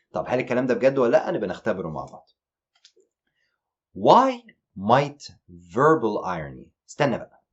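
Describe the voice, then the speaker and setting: A man with an Egyptian Arabic accent teaching an online exam-prep lecture, animated and mixing English terms into his explanations. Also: medium pitch, breathy edge, dull audio.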